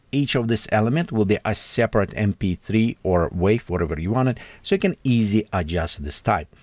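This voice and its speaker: A man hosting a casual software tutorial, speaking halting, non-native English with frequent restarts and self-corrections. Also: mid-range voice, no room sound. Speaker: tech tutorial host.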